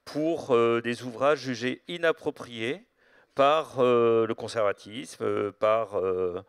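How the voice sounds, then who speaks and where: A man hosting a literary interview, talking in a hesitant, meandering way with many filled pauses. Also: medium pitch, clean tone, dry recording, clean studio sound. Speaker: interviewer, event host.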